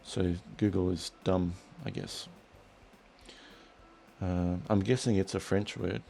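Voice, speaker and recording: A young man hosting a casual chat, relaxed and rambling with restarts. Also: deep voice, slow, vocal fry, slight background noise. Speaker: host.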